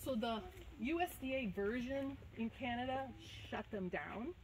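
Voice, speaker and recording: A woman's voice: fairly high pitch, animated, measured pace. A woman giving an informal, explanatory tour talk to a group, as a guide at a wildlife sanctuary. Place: outdoors among animal enclosures. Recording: very noisy outdoor tour recording.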